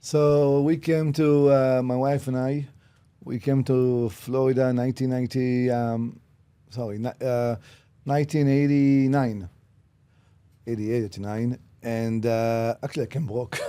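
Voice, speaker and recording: A man's voice: mid-range voice, level tone, measured pace, mellow, smooth. A man in his fifties, originally from Israel, telling his real estate story bluntly in a podcast interview and often checking in with "okay?". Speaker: guest, commercial real estate broker. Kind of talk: casual interview. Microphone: podcast studio mic.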